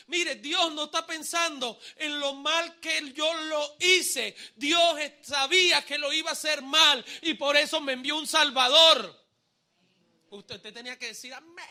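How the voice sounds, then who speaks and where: Preaching live to a congregation during a church service, a male pastor uses a very high-pitched voice, calls for phrases to be repeated back, and shouts refrains. His delivery mixes humorous asides with abrupt leaps from hushed tones to loud ones.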